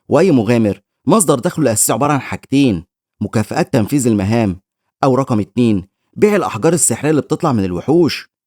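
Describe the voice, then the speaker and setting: A man's voice: medium pitch, darkish tone, dry recording, clean studio sound. A man with an Egyptian Arabic accent giving scripted recap narration of a story. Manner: rapid storytelling.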